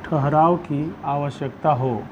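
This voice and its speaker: A man teaching a Hindi grammar lesson. He dictates notes slowly, repeats each phrase and puts questions to the pupils. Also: fairly high pitch. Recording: dull lo-fi sound with faint background noise.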